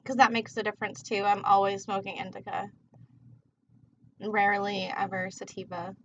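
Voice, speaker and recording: A woman's voice: mid-range voice, little pitch movement, moderate pace, a little hiss or hum. A woman chatting casually on a livestream as a tarot reader, rambling in a laid-back, slangy way while she smokes. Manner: smoking while talking. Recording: dull, muffled lo-fi livestream audio.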